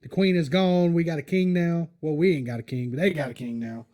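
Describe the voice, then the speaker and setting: Casual male podcast host, high-ish voice. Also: brisk, dark tone. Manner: loose, profane, reads out trending topics.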